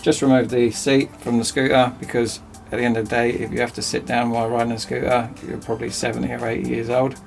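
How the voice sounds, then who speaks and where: A man's voice: mid-range voice, flat delivery, fast, creaky, hardly any pauses, soft background music. A man chatting casually and self-mockingly as he rambles through a DIY project in his cramped home workshop. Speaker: DIY video host.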